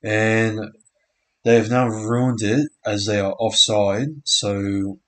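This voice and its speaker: A man's voice: fairly low pitch, steady tone, slow, a bit bright. A young man casually commenting on a live match stream, often unsure of players' names and correcting himself. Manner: unsure, self-correcting, frequent restarts and fillers.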